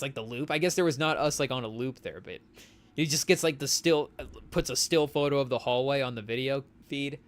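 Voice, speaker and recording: A young man co-hosting a podcast, talking basketball in a loose, rambling way with lots of fillers and asides to a live chat. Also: mid-range voice. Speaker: podcast co-host. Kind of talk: casual sports talk to a live chat. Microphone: studio mic on a live stream.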